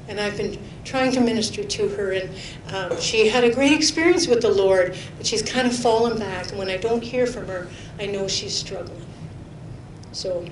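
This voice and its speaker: A middle-aged woman preaches a sermon full of personal testimony, earnest yet chatty. She laughs often and drops to a near-whisper for emphasis, and the recording has a roomy hall echo with a faint rumble.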